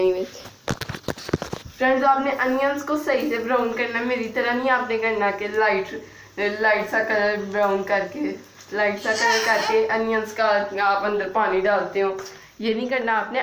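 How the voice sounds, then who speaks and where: A woman's voice: mid-range voice, steady tone, normal speed, noisy background. A young woman casually talking viewers through cooking in her home kitchen, chatty and giggly. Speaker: vlogger.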